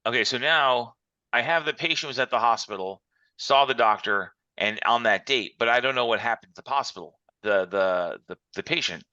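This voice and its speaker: Bright-voiced man teaching over a conference call. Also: mid-range voice, moderate pace, no room sound. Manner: walks through examples step by step. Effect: heard over a conference call. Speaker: instructor. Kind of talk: online class lecture. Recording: muffled, dry call audio.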